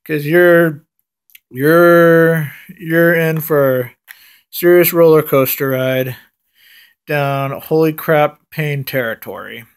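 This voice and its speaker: A young man talking casually to his vlog viewers after having his wisdom teeth out, mouth packed with gauze, subdued and halting, recorded at arm's length indoors. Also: a little high, smooth. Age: young adult. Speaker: vlogger. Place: indoors at home, close up. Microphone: phone or camera at arm's length.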